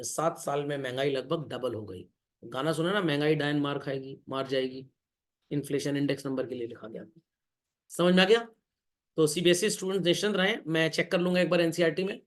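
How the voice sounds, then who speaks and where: A man teaching statistics to a class, quizzing students, mixing in English phrases and joking asides. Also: on the high side. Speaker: commerce teacher. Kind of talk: classroom lecture.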